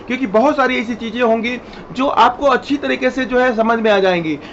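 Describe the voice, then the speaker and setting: High-voiced male chemistry teacher. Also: fairly bright tone. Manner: repetitive, explains step by step, addresses students directly. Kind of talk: classroom lecture. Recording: dull lo-fi sound, faint noise.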